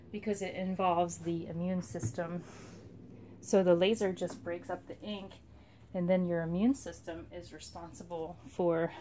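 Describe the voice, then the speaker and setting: A woman with a slightly low voice talks casually through a soap-making demonstration. She rambles at an unhurried pace and often lets phrases trail off. There is faint noise behind her in the recording. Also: darkish tone. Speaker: soap maker, video host. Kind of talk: casual chit-chat over a soap-cutting demonstration. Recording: clearly noisy home recording.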